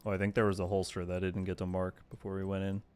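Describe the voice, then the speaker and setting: A man's voice: low-pitched, monotone, fast, darkish tone, clean tone. A man streaming a video game, chatting casually and thanking viewers by name. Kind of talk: casual live-stream chat.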